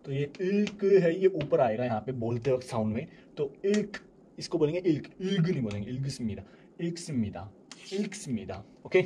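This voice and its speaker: Young man, language teacher, slightly raised pitch, repeats examples slowly, faint hiss behind. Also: big pitch swings, warm tone. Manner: repeats examples slowly, asks and answers own questions. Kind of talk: explaining grammar step by step.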